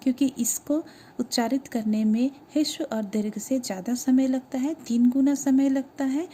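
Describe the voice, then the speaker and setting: A woman teaching a grammar lesson to schoolchildren, explaining step by step and asking questions that she then answers herself, slowing down to sound out each letter. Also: high voice, fairly even intonation, warm tone, a little hiss or hum.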